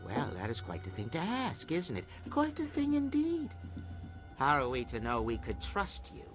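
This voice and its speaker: A guarded, formal keeper of a haunted inn in a video game. The voice swoops through a very wide range of pitch and turns to a whisper at times. Soft game music sits underneath. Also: huge pitch swings, normal speed.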